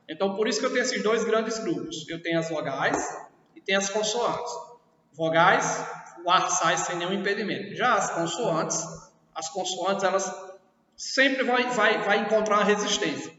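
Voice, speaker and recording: A Brazilian man with a high voice teaches a class, explaining step by step and pausing to check understanding. He sounds far from the microphone in a boomy, reverberant room. The recording is dull and lo-fi. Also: sharp tone. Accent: Brazilian Portuguese. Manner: explanatory, asks checking questions often. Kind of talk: classroom lesson. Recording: echoey distant lo-fi room recording.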